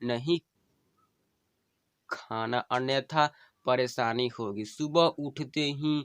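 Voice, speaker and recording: A man's voice: medium pitch, slow, a bit bright, smooth, no echo. Man reading as a dying wife, tender pleas. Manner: tender, repeats each plea twice. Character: dying wife pleading with her husband. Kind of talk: emotional story reading.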